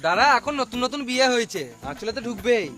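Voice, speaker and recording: A man's voice: extremely high pitch, animated, quick pace. A man playing a crude, bossy village drinker in a comedy skit, bantering in a rural West Bengal accent. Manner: coarse, bantering, swearing. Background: music.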